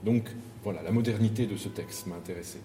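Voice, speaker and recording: Deep-voiced man, roomy and distant. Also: fast talker, mellow. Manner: thoughtful, searching for words with many restarts. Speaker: opera stage director. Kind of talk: interview answers. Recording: roomy, distant mic with noise.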